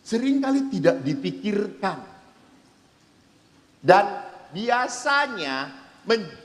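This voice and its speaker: Brief: a high-voiced priest preaching, full of animated storytelling, with a long reverb from a large hall. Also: male voice. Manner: lively storytelling with acted-out quotes. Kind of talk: seminar sermon. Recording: echoey hall.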